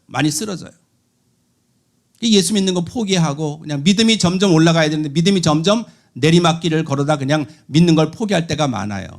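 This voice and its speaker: A male pastor preaching a sermon in an animated way, calling out acted warnings in a raised voice. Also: sits high.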